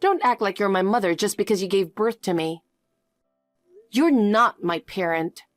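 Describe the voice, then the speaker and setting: A young woman voicing a cold, firm daughter who speaks in a flat, curt way. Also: medium pitch, normal speed, dry recording, faint music behind, lightly acted. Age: young adult. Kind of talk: animated story voice.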